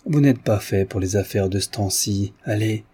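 A man's voice: fairly low pitch, moderate pace, warm tone, breathy edge. A man reading aloud and voicing a coquettish, anxious young wife who pleads tenderly with her husband. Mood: pleading. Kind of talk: audiobook reading.

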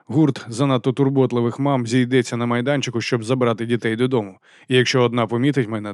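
Man, audiobook narrator, steady wry first-person reading, medium pitch, dry close recording. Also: dry recording.

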